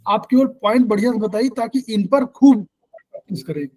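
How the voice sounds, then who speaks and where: Man hosting an online class, high voice, very formal welcome-speech way of talking. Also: animated, brisk, a little mellow, low-quality recording. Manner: formal, ceremonious phrasing. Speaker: class organizer and host. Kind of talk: formal introduction and class moderation.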